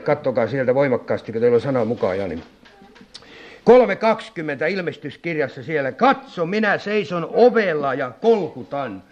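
A man preaching a fervent sermon as an evangelist, repeating phrases and swinging between loud calls and hushed asides. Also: medium pitch.

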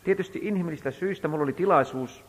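A man preaching a sermon, telling a story in an emphatic, animated way. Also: a little high. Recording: reverberant hall.

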